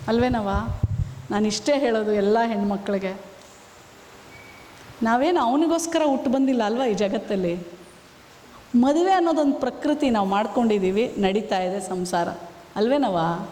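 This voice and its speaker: A woman speaks in a high voice, giving earnest advice to women. She keeps asking her listeners rhetorical questions. The room is echoey, with a long reverb trailing each phrase. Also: expressive, normal speed, long pauses, dark tone. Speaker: women's rights activist. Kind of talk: motivational interview talk.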